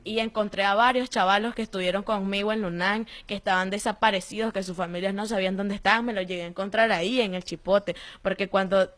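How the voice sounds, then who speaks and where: A young woman with a Nicaraguan accent giving a personal testimony in an interview, telling her story in a lively way and acting out the voices of the people she quotes. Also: medium pitch, fast, few pauses. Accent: Nicaraguan Spanish. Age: young adult. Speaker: interviewee, former detainee.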